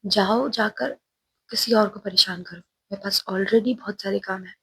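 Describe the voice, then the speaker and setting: A woman's voice: medium pitch, fairly even intonation, measured pace, breathy edge, dry recording. A woman voicing a stern, irritable young college teacher who answers curtly and scolds. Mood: irritated. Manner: curt, scolding, dismissive.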